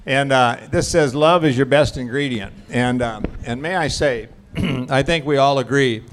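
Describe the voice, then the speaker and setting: A man's voice: medium pitch, normal speed, a little hiss or hum. A man casually hosting a class auction in a folksy, teasing way. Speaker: auction school host.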